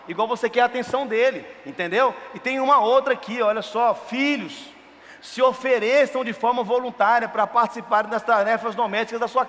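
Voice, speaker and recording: A man preaches from a church stage in a fairly high voice. He is animated and joking, acting out little family scenes for the congregation. His voice rings out with a long hall reverb over faint background noise. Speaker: pastor. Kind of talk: sermon.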